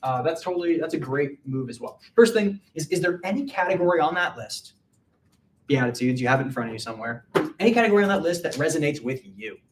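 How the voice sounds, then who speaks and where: A man's voice: a little high, expressive, fast, recorded from a distance, background noise. A man preaching a casual midweek sermon, chatty and full of "like" fillers. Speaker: pastor.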